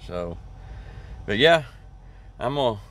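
Speaking slowly but very animatedly, this trucker vlogger has a medium-pitched, fairly bright voice. He sits in his parked truck cab chatting to a camera at arm's length, wandering through his thoughts with plenty of fillers and false starts.

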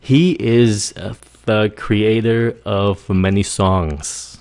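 Man, very low voice, casual vocabulary lesson, slow drilled English words, quick explanations, dry close sound. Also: fairly even intonation, darkish tone, smooth, no room sound. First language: Vietnamese. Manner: repeats words slowly to drill pronunciation, then switches to quick explanation. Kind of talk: casual teaching in Vietnamese with English examples.

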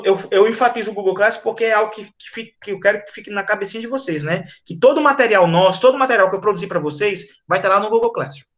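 A man's voice: high voice, a bit bright. A man with a Brazilian Portuguese accent teaching an online English class, chatty and explanatory, often checking in with his students. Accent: Brazilian Portuguese, from Rio Grande do Norte.

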